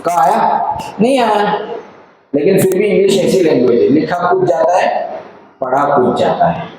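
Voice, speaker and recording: A man teaching a class of students, playful, quizzing them and spelling words out slowly. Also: sits high, expressive. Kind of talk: classroom lesson. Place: echoey classroom. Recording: echoey room, background noise.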